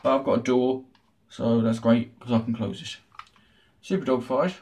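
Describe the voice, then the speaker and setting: A man's voice: mid-range voice, fairly even intonation, normal speed. Chatty man, noisy recording. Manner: chatty, rambling, dry sarcastic asides. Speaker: retro gaming video host. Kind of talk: casual show-and-tell unboxing. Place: small room at home. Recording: noticeable background noise.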